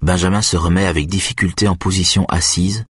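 Deep, husky male narrator. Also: steady tone, fairly quick, no room sound, clean studio sound. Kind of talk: audiobook narration.

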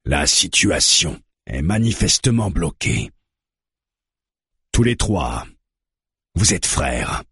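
A man voicing a calm, steady male police negotiator who reasons deliberately. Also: sits low, husky, no echo, clean studio sound, exaggerated voice.

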